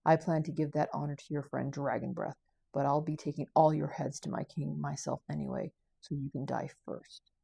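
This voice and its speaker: A woman voicing a harsh male enemy commander in her audiobook, threatening in a cold, low tone. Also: flat delivery, normal speed, vocal fry, warm tone, husky, no echo, full character voice. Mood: menacing.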